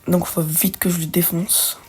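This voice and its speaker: In this let's-play clip, faint music underscores a young female creator's husky, darkish, lowish voice, delivered flatly at a measured pace. She talks casually through a card game, using slang, reasoning out loud, and fixing her own slips.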